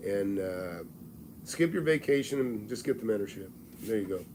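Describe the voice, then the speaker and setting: In his sixties, this channel host and real estate mentor pitches mentorship live, speaking at a normal pace in an animated way with a low, darkish, plainspoken voice. Blunt, folksy and salesy, he restarts frequently while background noise carries on audibly.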